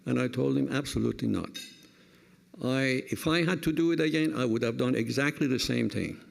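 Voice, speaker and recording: Man in his seventies, very gravelly voice, reflective speech with light jokes. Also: medium pitch, brisk. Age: 70s. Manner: reflective, anecdotal, warm humor. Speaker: retired-age professor giving a speech. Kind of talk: personal speech at an event.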